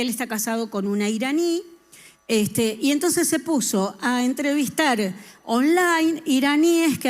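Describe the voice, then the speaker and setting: A middle-aged woman, preaching a sermon and asking the congregation questions. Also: sits high. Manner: lively, talks with the congregation and asks them questions. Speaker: church speaker.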